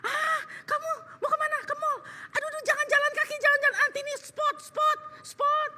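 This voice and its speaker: A woman's voice: level tone, pushed and bright, full character voice. A woman voicing a fussy, overprotective mother who fires off anxious, repeated warnings. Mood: fretting. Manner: shrill, rapid repeated warnings.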